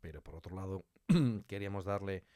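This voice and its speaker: This podcast guest, a man who writes and directs audio fiction, discusses his creative work in a lively interview, emphatic and fond of performing short quotes. He speaks fairly quickly in a low, warm voice. The studio-quality audio has no room sound.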